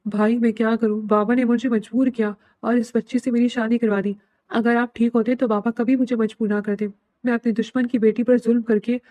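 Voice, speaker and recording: A woman's voice: fairly high pitch, warm tone, no room sound, natural voice. A woman voicing a young man who grieves for his injured brother and turns harsh and bitter.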